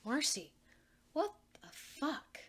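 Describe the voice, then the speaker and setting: A woman's voice: high voice, very animated, takes it slowly, voice pushed up, exaggerated voice. A woman reading fan fiction aloud and voicing an exasperated, outspoken teenage girl who swears bluntly.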